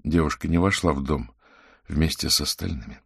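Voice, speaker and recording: A man's voice: rumbling low, a little fast, vocal fry, a bit bright, slightly rough, no echo, clean studio sound. A man reading a novel aloud as a single narrator, voicing every character himself. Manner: reads every part himself, lifting his voice for child and cat lines. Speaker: audiobook narrator. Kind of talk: scripted narration.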